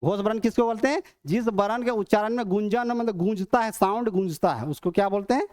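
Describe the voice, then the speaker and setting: Classroom teacher, mid pitch, repetitive question-and-answer style, slow drawn-out letters. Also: darkish tone. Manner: repeats, asks and answers own questions; sounds out letters slowly and drawn out. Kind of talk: demo class on phonetics.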